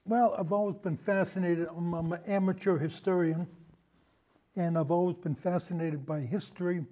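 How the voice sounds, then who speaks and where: An older man talks casually and reminisces, hesitating and drifting into digressions. His voice sits high with a steady, mellow tone at a normal speed. He's a guest on the show, an amateur historian who also podcasts about old time radio.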